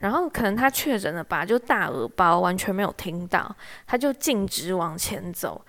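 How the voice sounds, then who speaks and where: A woman's voice: mid-range voice, moderate pace. A young adult woman, telling an office story in a casual, wry, exasperated way and acting out what others said. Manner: animated, wry and exasperated, acts out quoted speech.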